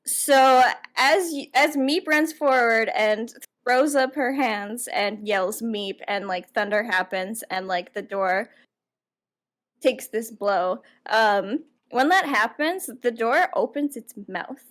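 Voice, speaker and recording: A woman's voice: a little high, slow pace, a bit bright. A woman narrating as dungeon master of a tabletop game, talking in a rambling way with many fillers and restarts.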